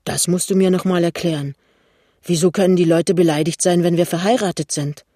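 Ein Mann liest eine eifrige, praktische junge Ehefrau in einem Hörbuch, mit nachdrücklichen, steigenden Fragen. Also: male voice, high-pitched, fairly even intonation, brisk, dark tone, dry recording, clean studio sound. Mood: puzzled. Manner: insistent, rising emphatic questions. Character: young woman, earnest and practical newlywed. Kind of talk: audiobook reading.

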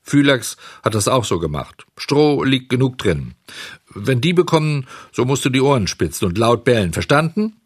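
A man's voice: mid-range voice, very animated, a little slow, fairly bright tone, no echo, studio quality, voice pushed up, exaggerated voice. A man doing an angry scolding farmer. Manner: harsh, scolding, threatening. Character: angry stern male farmer.

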